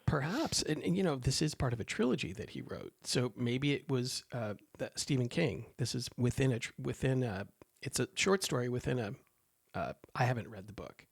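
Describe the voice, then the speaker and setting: Animated, gravelly podcast co-host man. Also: medium pitch, normal speed, few pauses, no room sound, studio quality. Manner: animated, sarcastic, jumps into mock quotes. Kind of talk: casual film discussion.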